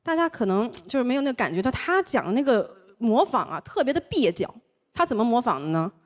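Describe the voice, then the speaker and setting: A woman's voice: on the high side, brisk. A young woman from Taiwan with a Beijing accent, telling a stand-up comedy set on stage. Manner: lively storytelling with quoted voices. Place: comedy stage with live audience.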